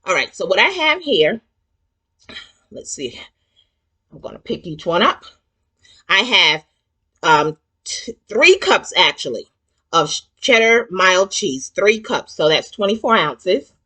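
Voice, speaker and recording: A woman in her sixties with a Southern US accent, hosting a casual cooking demonstration in her home kitchen and chatting warmly and folksily with viewers. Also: mid-range voice, big pitch swings, takes it slowly, long pauses, husky. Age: 60s. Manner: chatty and folksy, calls viewers honey and child. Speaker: cooking show host.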